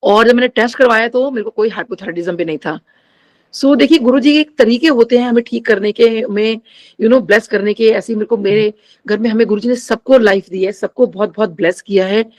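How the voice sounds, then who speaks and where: A woman's voice: on the high side, fairly quick. Middle-aged woman giving a spiritual testimony. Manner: addresses the congregation often, mixes English phrases into Hindi. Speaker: devotee sharing a testimony.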